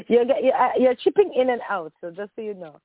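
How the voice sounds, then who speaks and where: A Jamaican woman singer, calling in from her home in Toronto as a guest on a radio phone-in, tells her story in a bubbly way and laughs often. Her voice is on the high side, and the dry recording comes through a tinny phone line.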